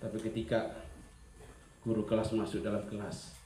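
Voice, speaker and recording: A man giving an Easter sermon to students, lively and full of questions, acting out teachers as he speaks. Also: lowish voice, moderate pace, roomy sound, slight background noise. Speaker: school chaplain preaching to students.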